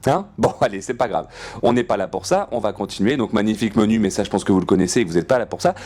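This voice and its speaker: Animated, playful male gaming host. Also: lowish voice, rapid-fire. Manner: rambling, swears often, restarts sentences; playful, jokey rants. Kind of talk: casual gameplay commentary.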